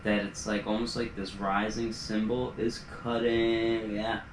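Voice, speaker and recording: A man's voice: on the low side, flat delivery, unhurried, noisy background. A man walking through his music production, casual and laid-back, thinking aloud as he works. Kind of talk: casual studio walkthrough. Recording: roomy sound with music playing. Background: music tracks playing.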